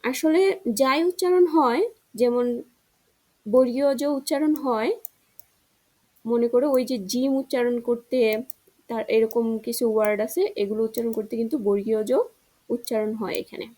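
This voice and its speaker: A woman teacher giving a children's reading lesson, spelling words out slowly and drawing them out. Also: a little high, warm tone, low-quality recording. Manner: slow, drawn-out spelling drills.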